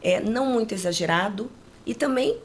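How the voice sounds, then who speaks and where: Animated and fairly quick, with a fairly high-pitched voice, this Brazilian-accented woman in her late forties shares personal stories from her rural Brazilian life as an interview guest. She speaks casually and frequently adds agreement-seeking tags.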